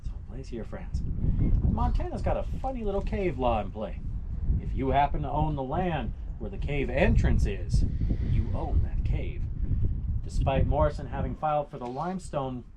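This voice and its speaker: A noisy live outdoor recording of a man with a mid-pitched voice working as a tour guide. He tells history to his group in a theatrical, folksy way, leaning on rhetorical questions and dramatic pauses. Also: sing-song, lo-fi sound. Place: outdoors on a mountainside.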